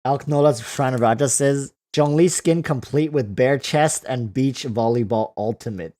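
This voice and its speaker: This man, hosting a relaxed livestream, has a warm, medium-pitched voice and speaks at a normal speed. He reads out and responds to viewer comments, often repeating himself while thinking aloud.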